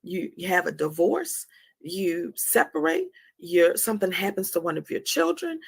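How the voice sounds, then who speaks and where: This forties-aged woman's low-leaning voice is gravelly and husky, swinging widely in pitch at a moderate pace. As host of a live anxiety talk, she offers a candid motivational testimony, repeating phrases emphatically.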